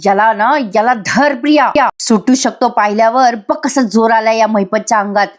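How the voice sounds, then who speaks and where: A woman's voice: fairly high pitch, normal speed, natural voice. Woman reading a panicky male kidnapper: nervous, snapping commands.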